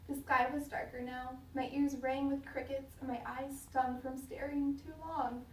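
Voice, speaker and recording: In an echoey room, with faint noise behind her and the mic some distance off, a high-voiced woman reads a children's story aloud like a teacher. Her delivery is expressive and dramatic, and she pauses to put questions to her listeners.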